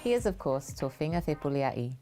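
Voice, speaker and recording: A woman's voice: low-pitched, very animated, a little fast, warm tone, soft background music. A woman hosting an interview show, speaking in a presenter's conversational style. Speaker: talk show host. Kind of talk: interview hosting, prepared introduction.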